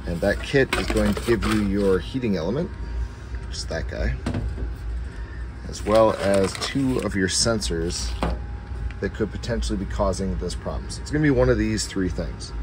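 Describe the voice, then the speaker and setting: A man's voice: lowish voice, moderate pace. A man hosting a casual DIY how-to video, explaining step by step in an informal way, in a basement room. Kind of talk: casual how-to repair narration. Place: noisy basement furnace room at home. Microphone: handheld camera's microphone. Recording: background noise from basement furnace room.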